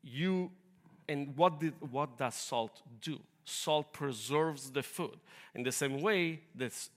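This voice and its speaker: A man's voice: on the high side, slow pace. A man from Italy with an Italian accent, preaching a sermon in an earnest, explanatory way with light humor.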